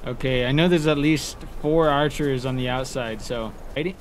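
A gamer with a mid-range voice talks at a moderate pace while playing. He keeps it casual and jokey, shouting taunts at his enemies, and the game's ambience is clearly audible in the noisy background.

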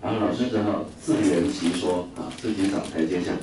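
Deep-voiced and a little fast, with a darkish tone, this man from Taiwan lectures a class on English vocabulary, sprinkling in stories. His delivery is talkative, heavy on fillers and questions aimed at his students, recorded from afar in a noisy, reverberant classroom.

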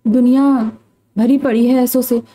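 A woman's voice: a little high, fairly even intonation, measured pace, dark tone, rough recording. A woman reading the lines of a blunt young woman scolding her close friend in an audio novel.

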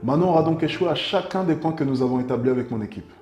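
A man in his twenties narrates to camera in formal wording. His voice is mellow and quick, in a roomy space with music underneath. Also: on the high side, highs cut off. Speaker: presenter of a loyalty test video. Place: living room, indoors.

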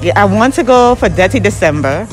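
Speaking brisk and animated in a mid-range voice, a Barbadian woman who runs her own business answers questions in a cheerful, chatty manner full of "you know." The casual interview takes place indoors at a clothing store with music behind her.

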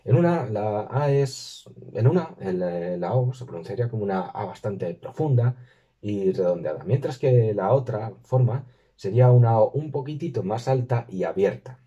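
A man talks through a screen-recorded lesson. His voice is low and husky. He slows down to sound out each word with care, and the recording is dull and lo-fi. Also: expressive, warm tone. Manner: careful, slows and stresses words when modelling pronunciation. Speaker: language teacher.

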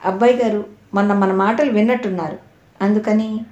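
A woman voicing an elderly male household servant who speaks in a gentle, respectful and amused way. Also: medium pitch, a little fast, highs cut off, close to an everyday voice. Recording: roomy echo.

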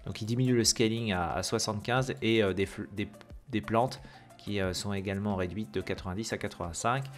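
A man's voice: lowish voice, a little fast, faint music behind. A man hosting a gaming video, casually commenting on patch notes with many fillers and self-corrections, reading English terms with a heavy French accent.

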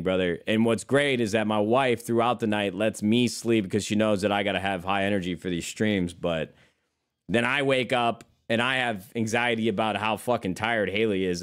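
Rambling, cursing streamer guy. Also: on the low side. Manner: rambling, profane, calls listeners brother. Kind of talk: casual chat.

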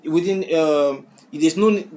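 A man hosting a music reaction video, talking in an excitable, casual way and repeating phrases and "bro" a lot. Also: on the high side, measured pace, a little hiss or hum. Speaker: music reaction channel host.

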